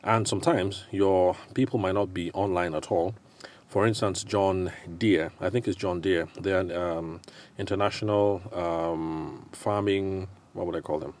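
A man with a Nigerian accent hosting a solo podcast in a casual, explanatory way, often pausing hesitantly as he thinks aloud. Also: deep voice, steady tone. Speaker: podcast host.

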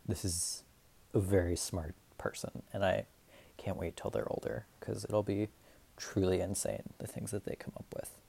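Young man, podcast host, casual solo monologue, low pitch, very dark mellow tone, rambling, profane. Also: fairly even intonation, normal speed, creaky, husky. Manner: rambling, profane, self-deprecating.

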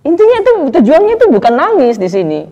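A man's voice: very high-pitched, wildly swooping pitch, fast talker, in a large hall, dull audio. A man, a religious teacher, answering questions casually and explaining with everyday examples. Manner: explains with everyday examples, keeps addressing the asker.

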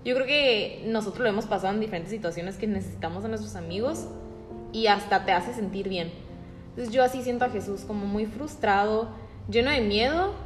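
A woman's voice: mid-range voice, reverberant, big-room sound. A woman on a faith podcast, sharing a thoughtful reflection and searching for words. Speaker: podcast co-host. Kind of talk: reflective religious talk.

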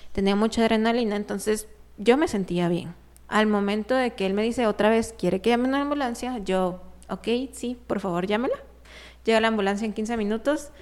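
Smooth-voiced woman telling a story. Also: medium pitch, fairly quick. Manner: animated, laughing as she tells it, with many fillers. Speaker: guest telling a personal story. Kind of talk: casual conversational storytelling.

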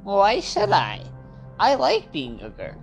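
In an amateur radio drama, a woman with a medium-pitched, gravelly voice speaks slowly with huge pitch swings, exaggeratedly playing a grumpy, impatient sister in her eighties. Defiant, bossy, and snappish, the rude character calls her siblings names. Faint music sits behind her, and the audio quality is poor.

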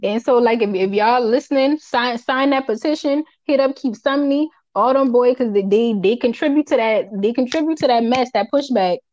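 Casting: female podcast co-host, Charleston Gullah Geechee accent, raised pitch, emphatic colloquial talk, close and dry but dull recording. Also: normal speed, hardly any pauses, darkish tone, no echo. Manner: emphatic repetition, colloquial, unfiltered swearing. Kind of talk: casual opinionated chat.

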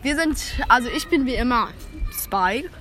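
A woman's voice: a little high, lively intonation, normal speed, bright, forceful tone, soft background music. A young woman hosting a casual podcast chat, giggling often and steering the talk. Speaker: podcast host.

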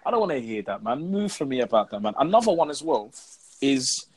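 A man's voice: medium pitch, moderate pace, poor audio. Young man with a London roadman accent. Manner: animated, slangy, repeats phrases for emphasis. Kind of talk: casual banter with friends, slangy ranting.

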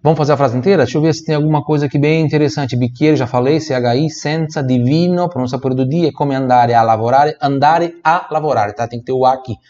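A man from Brazil teaching a language lesson, saying phrases slowly and then explaining them at a quicker pace. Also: mid-range voice, dark tone, dull audio.

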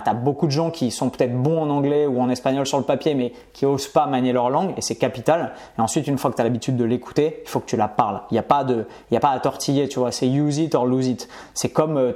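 A man telling stories in a casual conversation, slangy and animated, often adding "tu vois". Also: medium pitch.

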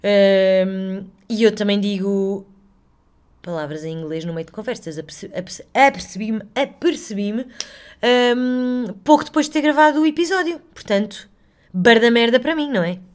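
A woman's voice: medium pitch, moderate pace, a little mellow. A woman with a European Portuguese accent hosting a casual solo podcast, rambling and chatty, swearing freely and poking fun at herself. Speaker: podcast host.

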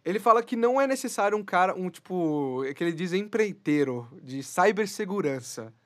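A man's voice: sits high, expressive, fairly quick. A Brazilian man co-hosting a podcast, rambling and stammering through jokey news chat. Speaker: podcast co-host. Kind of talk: casual comedic news chat.

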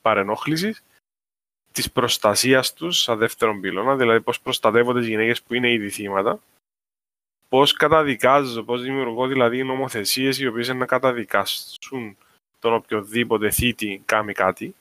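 A man's voice: medium pitch, pushed and bright. Cypriot greek guy chatting about stuff, explains with examples, dry sound no room echo. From Cyprus. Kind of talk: casual discussion of social issues.

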